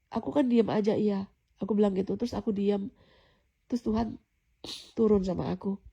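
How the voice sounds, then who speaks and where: A woman's voice: medium pitch, vocal fry, warm tone, slightly rough, highs cut off. A woman casually telling viewers about a dream, in a rambling way, repeating herself, with many fillers and restarts. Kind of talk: casual spoken testimony addressed to viewers.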